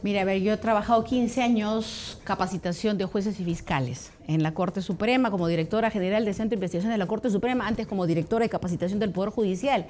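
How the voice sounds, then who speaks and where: A woman's voice: mid-range voice, quick pace, few pauses. Emphatic middle-aged woman, faint hum behind. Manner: emphatic, grows forceful and loud. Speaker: former judicial training director, candidate. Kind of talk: panel discussion.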